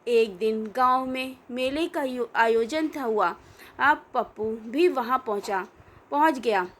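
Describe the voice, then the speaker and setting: A woman reading a comic children's story aloud in an unhurried way, with many hesitations. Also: a little high, fairly bright tone.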